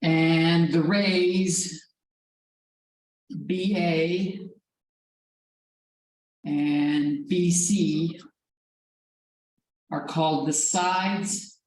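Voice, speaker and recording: Low, slow-talking woman lecturing. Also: steady tone, darkish tone. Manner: casual, digressive, swears freely. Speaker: math professor. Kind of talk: classroom lecture. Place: classroom. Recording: echoey classroom recorded from far off.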